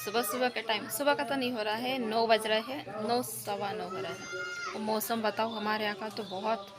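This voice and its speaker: A woman's voice: a little high, steady tone, normal speed, a loud crowd. A woman talking casually to her viewers in a home vlog, chatty and pleading for likes. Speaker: vlogger.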